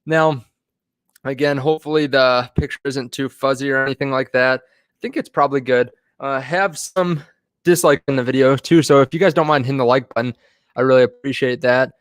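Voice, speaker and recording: A man's voice: medium pitch, fairly even intonation, brisk, smooth, no room sound, clean studio sound. A man hosting a casual finance live stream, rambling with many fillers and restarts, a bit out of breath, talking into a phone. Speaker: finance channel host.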